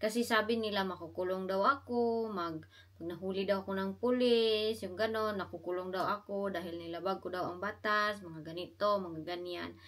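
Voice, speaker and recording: A woman's voice: fairly even intonation, normal speed. A mother, chatting casually at home in a vlog and cooing baby talk to her infant. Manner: drops to soft, low-key talk when explaining. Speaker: mother vlogging family life.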